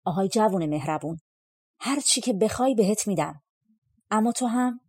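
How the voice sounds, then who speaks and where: Lady reading an anxious old storybook king, earnest and pleading, husky-ish voice. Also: medium pitch, expressive, darkish tone. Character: anxious old king seeking a content man.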